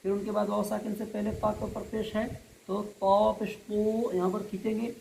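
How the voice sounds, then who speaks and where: A patient male teacher works through a recitation lesson, stretching each word out slowly and saying it again. His voice is dark and mellow. The room is echoey, with a faint hum of noise behind him. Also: sits high, level tone, vocal fry. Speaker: Quran reading teacher.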